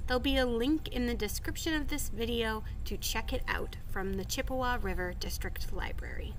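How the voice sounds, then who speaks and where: A young woman librarian leading a children's storytime, talking slowly and clearly in a bright, sing-song way. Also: high voice, a little hiss or hum. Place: outdoors at a wooded campsite.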